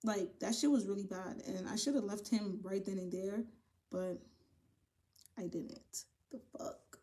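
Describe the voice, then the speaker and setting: A young woman casually telling a personal story to her viewers, animated and profane, often calling them y'all. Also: medium pitch, unhurried. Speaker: vlogger. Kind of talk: storytime vlog.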